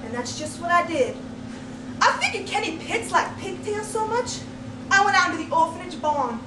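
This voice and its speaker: A female speech contestant with a very high voice performs a tall tale in a theatrical, folksy, animated style. She delivers it dramatically and emphatically, with deliberate pauses and folksy storytelling turns of phrase. The indoor contest room is captured by a distant microphone, giving a roomy, noisy live recording from far off.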